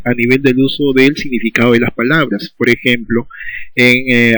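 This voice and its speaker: A man's voice: medium pitch, dry recording, rough recording. A man teaching a school language lesson, explaining patiently and often checking in with his students.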